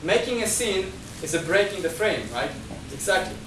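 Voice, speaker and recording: Speaking at normal speed, this male guest speaker has a high, expressive voice with a fairly bright tone. He gives a lecture-style talk indoors to a discussion group, working through numbered points with frequent restarts and repeated words, and Chinese is not his first language. The room echoes, the mic is far off, and a little hiss or hum is audible.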